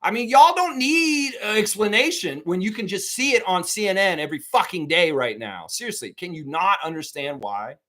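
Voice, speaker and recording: A man's voice: high voice, lively intonation, moderate pace, few pauses, pushed and bright. A man hosting a live sports talk stream, ranting heatedly and swearing a lot while speaking straight to his viewers. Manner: profane, heated, repetitive ranting; addresses viewers directly.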